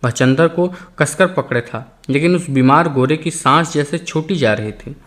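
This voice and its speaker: A male narrator reads a novel aloud in a measured, expressive manner. His voice sits fairly high for a man. It is a scripted audiobook narration.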